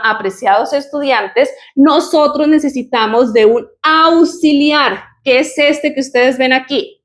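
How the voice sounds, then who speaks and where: Patient woman teaching, slightly high voice. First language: Spanish. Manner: patient, repeats model words slowly several times. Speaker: English teacher. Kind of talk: recorded online lesson, explaining grammar.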